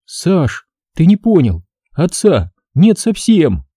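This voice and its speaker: In this audiobook, a tearful, grieving mother speaks through sobs, as a man reading the book plays her. Her trembling voice sits above his usual pitch, with a husky, mellow grain and lively swings of pitch. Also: slow pace, no echo, studio quality, heavily acted. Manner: sobbing, trembling speech.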